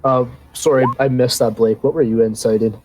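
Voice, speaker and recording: A man's voice: medium pitch, fairly even intonation, moderate pace, noisy background. A man running a tabletop game as game master. He narrates in a hesitant, filler-laden way, with a mid-range voice.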